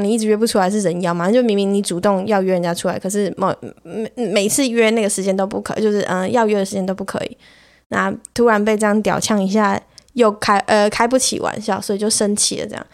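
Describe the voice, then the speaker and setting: Chatty young Taiwanese woman podcaster. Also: fast talker. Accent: Taiwanese Mandarin. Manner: frank, chatty, breaks into laughter and excited high bursts. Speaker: podcast host. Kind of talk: casual storytelling podcast.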